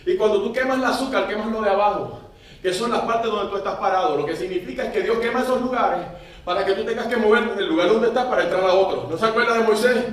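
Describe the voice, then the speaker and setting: In a large church hall, a high-pitched man preaches quickly and calls on the congregation to repeat his phrases. The mic is set far off, so the room's echo is strong.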